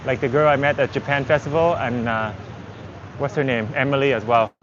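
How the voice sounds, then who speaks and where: Like a travel livestreamer on foot, this man thinks out loud and rambles in casual English, though Vietnamese is his native language. He talks a little fast with a medium pitch and fairly even intonation. The outdoor busy-street setting comes through as dull audio dominated by loud traffic, vehicles and urban noise.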